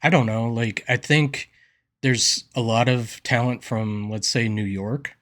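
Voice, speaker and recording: A man co-hosts a casual podcast chat, rambling and hesitating as he talks. His voice sits at a middling pitch. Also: fairly even intonation, a little slow, fairly bright tone. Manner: rambling, hesitant, many fillers and restarts. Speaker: podcast co-host.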